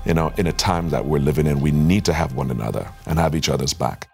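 A male pastor with a very low voice. He talks in an earnest, emphatic preaching cadence as he introduces his ministry and exhorts his listeners. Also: fast talker, creaky, a little mellow, soft background music. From Trinidad and Tobago. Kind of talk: testimony and exhortation.

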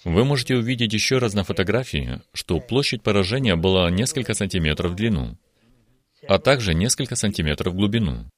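A very low-voiced man in his eighties tells his religious testimony in slow, emphatic phrases. He speaks as a guest in a television studio, earnest and deliberate. His voice sits deep throughout. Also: lively intonation. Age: 80s. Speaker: guest giving a healing testimony.

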